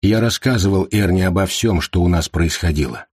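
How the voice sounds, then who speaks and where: A man voicing a calm artificial intelligence that speaks quietly and matter-of-factly in an audiobook. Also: low-pitched, brisk, husky, dry recording, studio quality.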